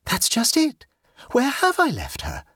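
A man's voice: very high voice, wildly swooping pitch, unhurried, a bit bright, breathy edge, no echo, studio quality, voice pushed up, full character voice. A man doing a breezy absent-minded society lady. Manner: breezy, rambling. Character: absent-minded chattering society woman, cheerful.

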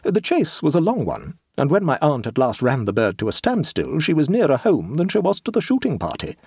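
A dry, composed clubman voiced by a man spins an outrageous story in a perfectly level, serious delivery. The tone swings widely in pitch and carries a husky, breathy grain. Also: brisk, dry recording, full character voice. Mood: deadpan. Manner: cool, deadpan, with dramatic emphasis. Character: dry, evasive man telling a tall tale.

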